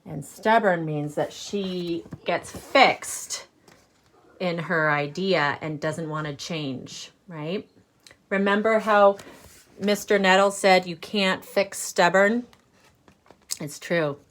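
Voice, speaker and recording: Reading to children from a picture book, a woman sounds like a teacher: expressive, deliberate, and pausing now and then for simple asides and questions that explain things. Her voice is on the low side.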